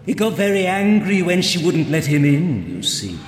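A narrator voicing a cackling, oily poltergeist who gloats over trouble. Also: male voice, fairly high pitch, big pitch swings. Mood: sly. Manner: cackling, sly drawn-out taunting. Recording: roomy reverb with music behind.

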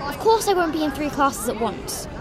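A man voicing a brisk, bossy, clever teenage schoolgirl in a prim tone. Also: extremely high pitch, sing-song, crowd noise, voice pushed up.

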